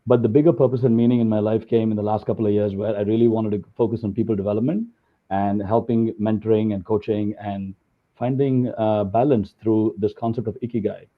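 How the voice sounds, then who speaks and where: A man's voice: on the low side, fairly even intonation, fairly quick. A man from India giving a conversational webinar talk over slides, with many fillers. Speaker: guest speaker. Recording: tinny phone-like call audio.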